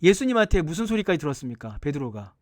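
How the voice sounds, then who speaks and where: A man's voice: fairly high pitch, very animated, fast talker, darkish tone, dry recording, studio quality. A man, a pastor, teaching a Bible study lecture, asking the listeners questions and acting out quoted lines.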